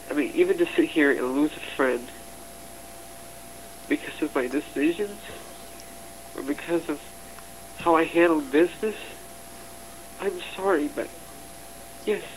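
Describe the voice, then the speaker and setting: A man in his twenties ranting defensively in a voice chat, halting and repeating himself as he explains his role as a game server staff member. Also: a little high, a little hiss or hum, rough recording. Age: 20s. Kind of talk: voice chat rant. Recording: music playing clearly behind the voice.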